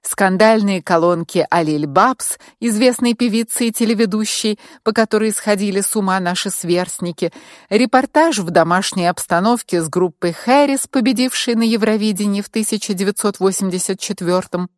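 A woman's voice: medium pitch, normal speed, dry recording. Woman narrating an audiobook, dry close sound. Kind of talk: first-person audiobook narration.

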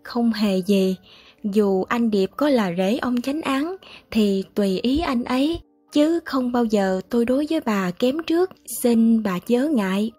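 A woman reading aloud voices a calm elderly gentleman who speaks in a measured, gently wry way, with a husky voice. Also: fairly high pitch, soft background music.

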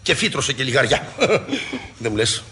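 A man's voice: medium pitch, lively intonation, bright, forceful tone, slight background noise. An actor in his forties playing an anxious hypochondriac husband in a 1960s radio play, fretful and comic. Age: 40s.

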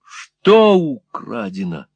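A man's voice: medium pitch, huge pitch swings, drawn-out words, a little mellow, slightly rough, no echo, highs cut off, full character voice. A man voicing a cold, scheming, commanding man who speaks sharply and curtly. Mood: stern.

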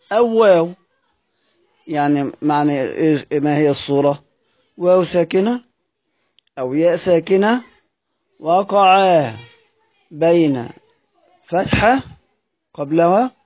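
A man teaches a live online lesson on reciting the Quran, walking through it step by step. He poses questions and answers them himself, and he chants lines of verse slowly. His voice sits on the high side and is a little mellow.

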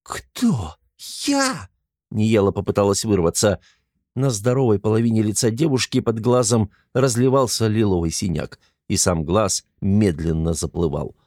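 A man narrating a fantasy novel in a measured storytelling voice. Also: lowish voice, fairly even intonation, darkish tone, dry recording, studio quality. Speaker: audiobook narrator.

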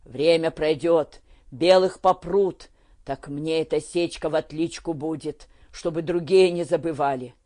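A man reading an audiobook, voicing a sick, bitter, short-tempered old peasant father who shouts gruffly in folk dialect. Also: a little high, steady tone, a little slow, dry recording, studio quality, close to an everyday voice. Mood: stern.

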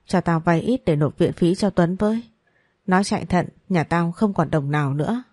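A young working woman, worried for her sick brother, pleads urgently and politely, as a woman reading the story voices her. Her tone is mellow and fairly low. The recording is dry and close. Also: moderate pace, dry recording, natural voice. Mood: pleading. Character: desperate young woman worker, pleading daughter.

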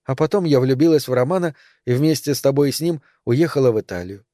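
A man reading an audiobook, voicing a young mother who gently tells her daughter about her father. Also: medium pitch, fast talker, no room sound, clean studio sound, lightly acted. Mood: tender.

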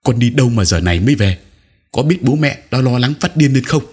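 A man's voice: sits low, moderate pace, a little mellow, breathy edge. A man voicing a worried mother who scolds sharply. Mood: scolding.

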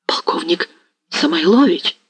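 A man's voice: on the high side, a little fast, vocal fry, dry recording. A man voicing a terrified merchant who stammers and pleads in a trembling voice, in an audiobook. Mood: pleading. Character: terrified male merchant messenger, timid and pleading. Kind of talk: audiobook character reading.

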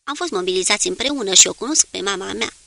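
A timid young ship's machinist stumbles through his answers in halting, broken-off sentences, read by a woman. The voice has a gravelly edge and a bright, tense color. He sounds like an uneasy sailor in an audiobook. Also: high-pitched, expressive, full character voice. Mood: halting, anxious.

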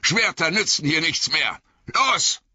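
A man's voice: mid-range voice, sing-song, measured pace, bright, forceful tone, breathy edge, no echo, pitched above the performer's own voice, heavily acted. A man voicing a stern, commanding old male wizard who barks urgent orders. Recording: slightly dull lo-fi audio.

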